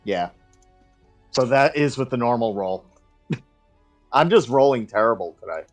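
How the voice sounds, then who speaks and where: A man with a medium-pitched voice plays a tabletop game. He speaks in a casual, conversational way, talking through the rules. Soft music sits faintly in the background. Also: expressive, unhurried. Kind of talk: casual chat.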